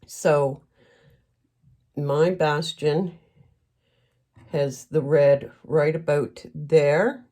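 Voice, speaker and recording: A woman's voice: low-pitched, fairly even intonation, very slow, pauses often, warm tone. A middle-aged woman from Canada chatting candidly while she works on a craft piece, rambling and a little emotional. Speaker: craft vlogger. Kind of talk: casual chat while crafting.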